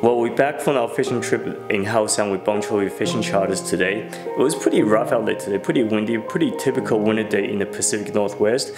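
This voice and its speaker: A man's voice: lowish voice, fairly quick, few pauses. A man hosting a cooking vlog from his home kitchen, chatty with lots of fillers, talking with a cold into a camera held close. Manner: relaxed, chatty, many "um"s. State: has a cold. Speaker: host. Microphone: camera held close at arm's length. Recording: music playing behind voice.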